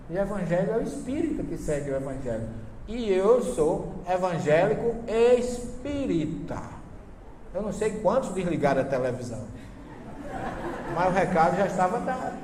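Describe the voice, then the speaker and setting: Man, Northeastern Brazilian accent, seminar lecturer, higher-pitched voice, joking and telling anecdotes, recorded in an echoey hall. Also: darkish tone. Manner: humorous storytelling, asks the audience questions. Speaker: seminar lecturer on Bible translations. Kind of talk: lively seminar talk with anecdotes. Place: lecture hall before an audience. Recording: echoey hall with long reverb, faint hiss.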